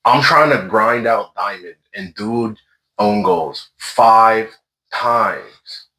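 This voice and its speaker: A man telling stories in a casual gaming chat, animated and exasperated, swearing freely. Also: lowish voice, extremely slow.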